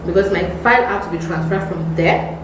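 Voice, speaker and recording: A woman with a Nigerian accent telling a personal story of faith in an expressive, emphatic way, casually repeating words and acting out dialogue. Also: lowish voice, brisk, music in the background. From Ibadan, Nigeria. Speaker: vlogger. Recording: very echoey room, distant mic, faint noise.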